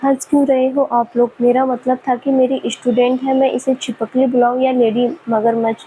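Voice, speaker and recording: A woman's voice: high-pitched, little pitch movement, moderate pace, dark tone, a little hiss or hum, close to an everyday voice, rough recording. A woman doing a teasing, grumpy young man.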